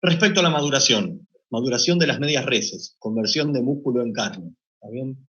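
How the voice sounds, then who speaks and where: Husky man giving a technical talk. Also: mid-range voice, a bit bright. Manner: measured, explanatory, occasional hesitations. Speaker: meat plant deputy manager presenting. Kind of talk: technical conference presentation. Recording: dull lo-fi recording.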